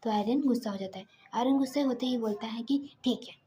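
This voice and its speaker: A woman narrating a romantic story in a casual, soft and often half-whispered way. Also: fairly high pitch, fast, a little hiss or hum.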